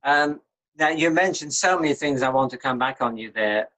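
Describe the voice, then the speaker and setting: An older man leads a class over a video call. He speaks in a measured, encouraging, teacherly way. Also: medium pitch, a bit bright, rough recording. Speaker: lecturer. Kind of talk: online lecture.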